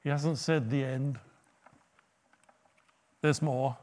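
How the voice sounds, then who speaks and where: Slow-spoken man preaching. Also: medium pitch, steady tone, a little mellow. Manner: humorous, asks the listeners questions. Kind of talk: sermon.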